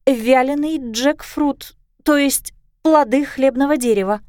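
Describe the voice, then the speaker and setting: A woman reading a storybook, voicing an earnest, careful young heroine in a steady voice. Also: sits high, unhurried, no echo, clean studio sound.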